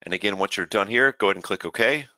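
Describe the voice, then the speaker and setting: A man giving a casual webinar walkthrough of a program as a software trainer, talking steadily with frequent "uh" fillers. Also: on the low side, fast talker, no room sound.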